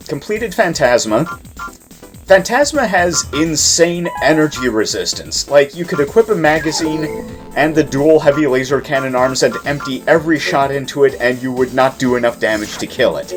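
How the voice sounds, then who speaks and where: A man's voice: a little high, animated, normal speed, soft background music. A man giving explanatory gameplay commentary, putting emphasis on key words as he plays. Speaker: game player and commentator.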